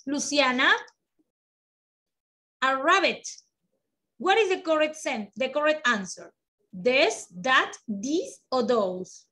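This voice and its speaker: A woman teaching English to children over a video call, encouraging and slow, switching between English and Spanish. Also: high voice, animated, pushed and bright. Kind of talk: online children's class.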